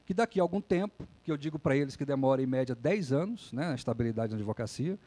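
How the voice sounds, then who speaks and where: A lawyer gives a conversational public lecture, frequently ending sentences with a questioning "né?". His mid-range voice is expressive and dark in tone, and he talks fast.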